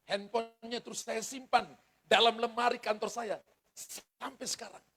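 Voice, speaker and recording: A man's voice: very high-pitched, steady tone, normal speed, fairly bright tone. A middle-aged male pastor preaching a sermon, telling stories and acting out the dialogue. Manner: storytelling, acts out quoted dialogue.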